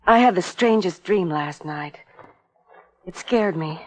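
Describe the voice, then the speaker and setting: A young adult woman voices an anxious, earnest young wife plagued by nightmares, hesitant in her first-person narration and acting for a 1950s radio suspense drama. She speaks slowly yet animatedly in a lowish voice.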